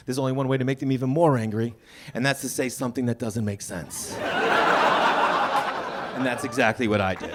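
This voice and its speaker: A man doing a stand-up comedy set, telling a story with animated delivery and sudden high shouted quotes. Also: background noise. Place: comedy show venue with audience.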